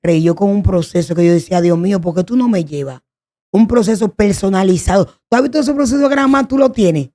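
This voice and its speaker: A woman's voice: medium pitch, lively intonation, fast talker, few pauses, dark tone. A woman sharing an emotional personal testimony as a guest, telling her story in an earnest, pleading way.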